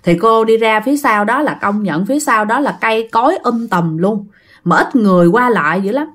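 A woman's voice: on the high side, animated, moderate pace, fairly bright tone. A woman with a Southern Vietnamese accent telling a ghost story in a casual, chatty way and speaking to her listeners directly.

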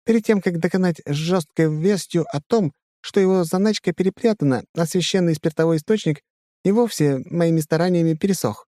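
A man's voice: fairly high pitch, brisk, mellow, dry recording, studio quality, voice pushed up, close to an everyday voice. A man voicing a cheeky, sardonic young woman aboard a spaceship. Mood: teasing.

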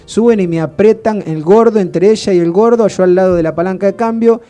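A man with a Rioplatense Argentine accent telling a comic story on the radio in a rambling, deadpan way with frequent restarts. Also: high-pitched, fairly quick. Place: radio studio.

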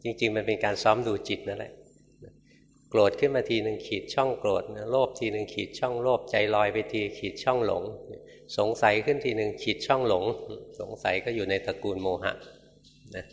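A man's voice: lowish voice, moderate pace, vocal fry. An older man, a Buddhist monk, giving a dharma sermon and telling stories, acting out the lines of the people in them. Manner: storytelling, acts out quoted lines, chuckles. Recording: long reverb of a hall, faint background noise.

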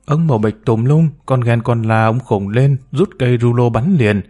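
Male reader doing a meek, hesitant woman around forty, pleading and deferential, mellow voice. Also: mid-range voice, moderate pace, natural voice. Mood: bitter. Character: timid humble woman about forty, former bar girl.

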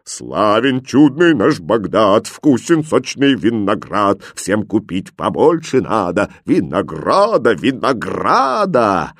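Man doing a grape seller, slow rhyming singsong chant, bazaar, storybook. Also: on the low side, very animated, slightly rough, no room sound, clean studio sound, full character voice.

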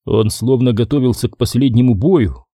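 A man narrates a science fiction audiobook, reading the script in an expressive, storytelling style. His voice is mid-range at a normal speed, captured in a clean studio with no room sound.

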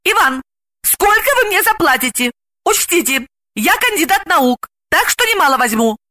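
A woman's voice: very high voice, sing-song, moderate pace, pushed and bright, pitched above the performer's own voice, full character voice. A woman voicing a brash, greedy young woman who squeals every line as an exclamation, in an audiobook reading. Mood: wheedling.

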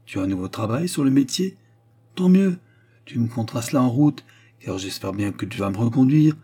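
A man's voice: medium pitch, animated, fairly quick, mellow, slightly rough. A man voicing an irascible, woman-hating old male professor who scolds fiercely and sarcastically. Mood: ironic.

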